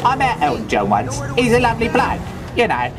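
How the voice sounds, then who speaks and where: A man with a London Cockney accent playing a loveable, daft, thieving Cockney man in comedic gameplay commentary, rambling in chatty, absurd deadpan asides. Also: high-pitched, fairly quick, over music. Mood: cheeky.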